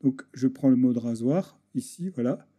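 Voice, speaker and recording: Hesitant man with a dark voice. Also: mid-range voice, moderate pace, breathy edge, dull audio. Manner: hesitant, many restarts and fillers, talks while clicking. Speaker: video editing tutor. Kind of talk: screen-recorded software tutorial.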